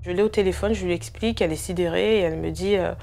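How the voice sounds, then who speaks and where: A woman with a lowish, gravelly voice giving a documentary testimony as a bereaved sister. She talks earnestly and with heavy emotion. Her speech is hesitant and full of filler pauses. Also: fairly even intonation, warm tone, soft background music.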